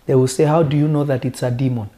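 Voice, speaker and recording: With a mid-range, dark voice and fairly even intonation, a native Lingala-speaking man preaches. He teaches conversationally, asking rhetorical questions and stressing his words deliberately.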